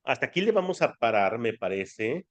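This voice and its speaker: A man with a Mexican accent guides a spiritual study group in a warm, familiar, conversational tone. His voice sits at an ordinary middle pitch. He asks listeners how they feel and calls them sweet names as he teaches. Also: big pitch swings, normal speed, dull audio. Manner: affectionate, chatty, addresses listeners as family.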